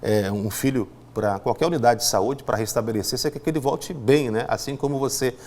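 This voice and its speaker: A man's voice: medium pitch, a little fast, a little mellow. A man with a Brazilian Portuguese accent presenting a live TV newscast, speaking emphatically with frequent fillers and restarts. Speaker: news anchor.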